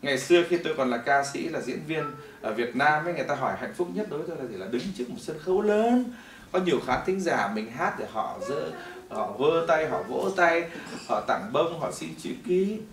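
A middle-aged man giving a testimony sermon in a church hall, telling his story in an animated way that swings between loud bursts and hushed moments. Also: on the high side, a little fast, hardly any pauses, slight background noise. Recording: echoey hall, mic at a distance.

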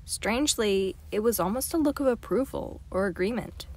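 A woman reading a novel aloud as an amateur audiobook narrator, in a steady, clear storytelling manner. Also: mid-range voice, normal speed. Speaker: audiobook reader.

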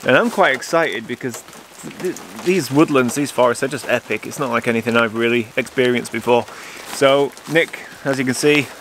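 A man in his thirties, a landscape photographer, talks eagerly into a handheld camera in a rain forest, his medium-pitched voice moving at a moderate pace. He's enthusiastic, chatty and excitable in this casual vlog. The close camera mic picks up heavy noise from the steady rain.

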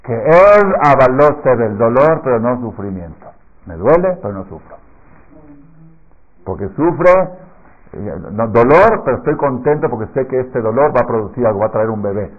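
A middle-aged man preaching a sermon as a rabbi, telling stories and swinging from hushed asides to loud, emphatic peaks. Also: mid-range voice, lively intonation, normal speed. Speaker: rabbi giving a Torah talk. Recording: slightly dull lo-fi recording.

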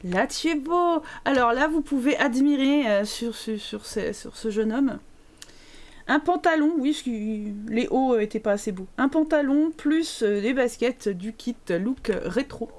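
A woman's voice: fairly high pitch, expressive, a little slow. A woman streaming a life-sim game live, chatting playfully to her characters and thanking viewers as she goes. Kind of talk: live gameplay commentary.

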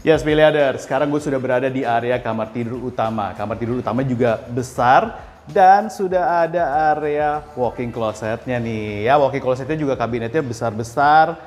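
Leading a walking house tour, a man presents the property in an upbeat way, talking directly to viewers. He has a medium pitch and moderate pace, and faint music plays behind him.

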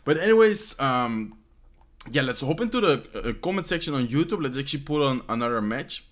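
Fan questions get casual, rambling answers from a young Dutch man in his bedroom, speaking English as a second language with a Dutch accent. His medium-pitched voice is expressive and a little fast. "Like" keeps filling the gaps, and he often reaches for words with "how you say this."

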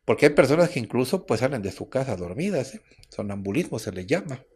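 A man's voice: medium pitch, sing-song, fast, a little mellow, husky. A man, a radio host explaining herbal medicine in a chatty way and often asking his listeners for agreement. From Mexico. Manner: chatty, explaining, with frequent tag questions. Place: radio studio.

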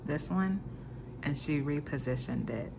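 A woman with a very low, gravelly voice talks to camera while a finger pulls her lip down, so her words come out a little muffled. She rambles slowly and casually, full of fillers and restarts. A clear hiss of noise sits under the recording. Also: expressive. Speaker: vlogger.

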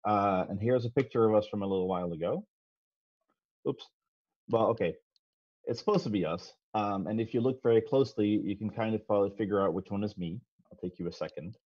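Relaxed man presenting over a video call. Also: on the low side, fairly quick, dry recording. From Netherlands. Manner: relaxed, self-deprecating, many ums. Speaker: guest speaker, physicist. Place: small home office. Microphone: headset. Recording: dry, slightly dull video call audio.

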